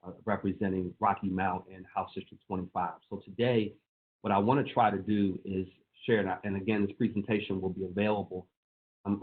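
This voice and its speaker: Brief: lower-voiced man, pastor and lawmaker, earnest, repeats key phrases, presenting to pastors over thin phone-line call audio. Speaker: pastor and state legislator.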